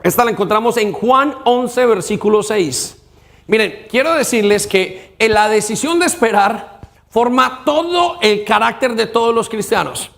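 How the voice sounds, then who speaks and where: A man's voice: sits high, animated, unhurried, vocal fry, a bit bright. A man pastor preaching an emphatic sermon in a church, with call-and-response to the congregation.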